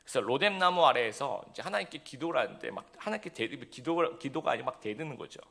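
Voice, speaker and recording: A male pastor delivering a sermon in a relaxed, conversational way, full of fillers and asides that he puts to the congregation. His voice has a gravelly edge, and his pitch rises and falls widely as he talks. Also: fast. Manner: conversational preaching with frequent fillers and rhetorical questions.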